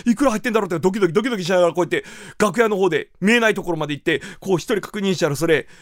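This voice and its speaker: A man who is a rakugo performer hosting a radio show, telling comic stories in a lively way. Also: high-pitched, no room sound, studio quality. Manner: lively, animated, acts out quotes. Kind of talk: comic storytelling talk.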